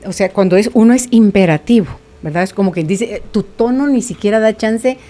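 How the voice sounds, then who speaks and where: A woman's voice: medium pitch, brisk, warm tone. A woman hosting a radio talk show, chatty and informal, moving between guest talk and listener messages. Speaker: radio podcast host. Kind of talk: casual on-air interview hosting.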